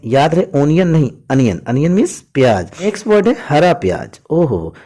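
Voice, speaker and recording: A man's voice: a little high, warm tone, breathy edge. Chatty man teaching vocabulary. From India. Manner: chatty, shares personal food stories between words. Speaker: English teacher. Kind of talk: vocabulary lesson.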